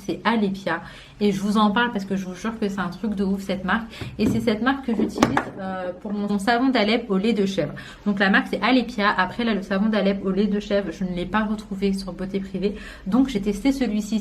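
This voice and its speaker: A woman in her twenties from France, chatting casually at home about a beauty haul, relaxed and full of hesitations and slang. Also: medium pitch, slight background noise. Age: 20s. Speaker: family vlogger. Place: home, indoors.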